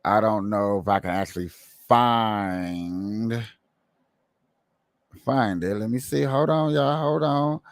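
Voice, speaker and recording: A man's voice: lowish voice, takes it slowly, long pauses, no echo. Opinionated man livestreaming, dry close sound. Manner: opinionated, colloquial, repeats phrases for emphasis. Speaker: livestream host. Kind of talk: casual political commentary to viewers.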